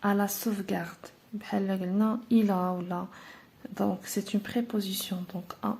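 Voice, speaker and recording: A woman with a Moroccan Arabic accent teaching a French grammar lesson, explaining step by step with patient pauses and fillers. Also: medium pitch, flat delivery, vocal fry, a little mellow.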